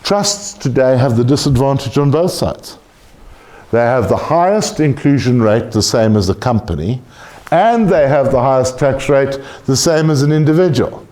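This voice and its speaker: A man's voice: mid-range voice, lively intonation, moderate pace, warm tone. A man lecturing a class on tax, blunt and joking, swearing casually.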